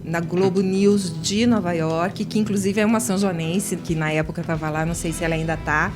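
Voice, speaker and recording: A woman from Brazil, a radio interview guest who tells lively anecdotes, laughs often and acts out the people in her story. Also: on the low side, brisk, over music. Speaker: interview guest, writer and singer.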